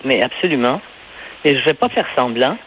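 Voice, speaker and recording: An older woman with a Québécois accent, a newspaper columnist talking in a radio interview, animated and rambling, laughing often and stumbling over her words. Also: extremely low pitch, moderate pace, slight background noise, poor audio. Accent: Québécois French.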